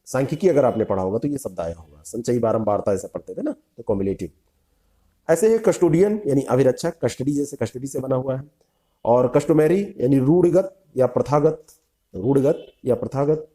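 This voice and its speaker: A man's voice: mid-range voice, mellow. A man teaching an exam vocabulary lesson, reading each English term and then its meaning, repeating words and adding short asides.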